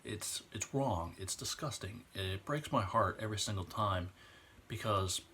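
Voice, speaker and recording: A lowish, sharp-toned voice belongs to a vlogger in his 20s giving an impassioned rant in his personal vlog. He's earnest and emotional, and he slows down when the points turn heavy; slight background noise is present.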